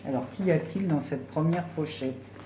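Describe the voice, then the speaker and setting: A woman's voice: sits low, moderate pace, warm tone, slight background noise. A woman chatting casually at home as she unboxes gifts, effusive and exclaiming with delight. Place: home room. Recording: roomy home recording.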